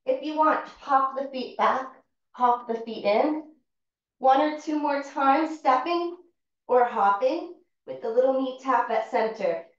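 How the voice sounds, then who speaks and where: Calm woman cueing yoga in an echoey room. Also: sits high. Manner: calm, unhurried cueing of movements. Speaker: yoga teacher. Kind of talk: guided yoga class instruction. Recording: far-off, echoey, dull-sounding room recording.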